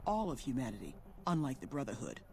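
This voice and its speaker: An actor playing a polite, measured male scientist in a video game. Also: mid-range voice, wildly swooping pitch, slight background noise. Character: calm male scientist from an aid group.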